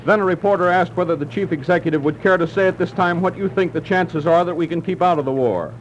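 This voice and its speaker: A man, a radio news announcer, reading a formal news bulletin in crisp, clipped announcer style, heard as an old newsreel-style archival broadcast. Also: sits high, quick pace. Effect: old newsreel-style archival broadcast sound. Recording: muffled, hissy old radio recording.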